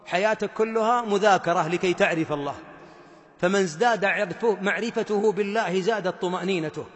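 A male preacher with a Gulf Arabic accent delivers an impassioned sermon in a strikingly high voice. He pulls the listeners in with rhetorical questions. His voice carries a long, echoing reverb from a large hall. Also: fairly quick.

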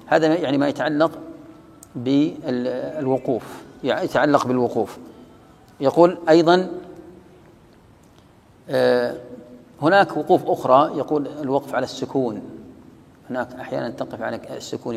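A man teaching the rules of pausing in Quran recitation, explaining a verse text line by line and reciting examples. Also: medium pitch, creaky, darkish tone, big-room sound. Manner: quotes verses and recites examples, repeating key words.

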